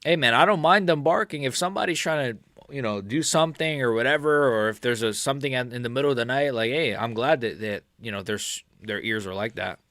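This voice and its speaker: An American MMA YouTuber in his early twenties rambles through a casual live stream, reading chat questions with plenty of fillers and laughs. His mid-range voice is a bit bright and fairly quick, with clean studio sound and no room sound.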